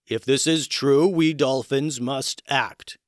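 A man's voice: medium pitch, fairly even intonation, takes it slowly, dry recording, clean studio sound, lightly acted. A man voicing a stern male dolphin king who demands answers and bellows orders in a storybook tale. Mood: grave.

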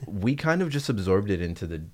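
A podcast guest with a low voice that swings widely as they joke, riffing wryly through casual chat. They deliver their bits in a loose, conversational way. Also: sing-song, brisk, a loud crowd.

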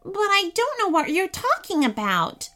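A woman voicing a timid, anxious little male creature with a high, whimpering, pleading voice. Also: huge pitch swings, normal speed, sharp tone, full character voice. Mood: whiny.

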